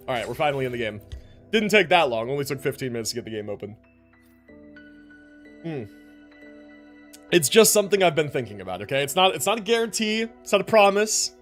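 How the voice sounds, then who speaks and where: A man with a higher, fairly bright voice hosts a livestream and chats informally with his viewers, often repeating phrases for emphasis.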